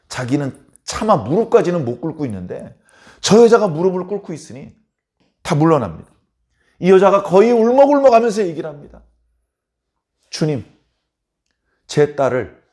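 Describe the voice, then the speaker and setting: A man's voice: on the high side, a little mellow. A man preaching a dawn sermon as a pastor, telling the story dramatically and acting out the people in it. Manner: dramatic, acts out biblical characters in voices.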